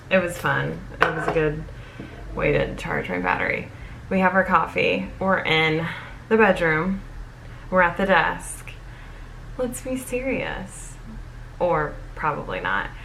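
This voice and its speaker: Low-voiced young woman, playful rambling chat. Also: vocal fry, fairly bright tone, slight background noise. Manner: playful, rambling and self-deprecating. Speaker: vlogger. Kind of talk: casual chatty coffee tutorial voiceover. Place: bedroom at a desk.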